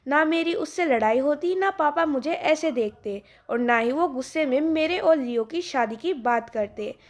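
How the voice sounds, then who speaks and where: A stubborn young rich daughter read by a woman narrator talks back and plots. The voice is high and bright. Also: animated, normal speed. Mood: scheming. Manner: defiant, complaining.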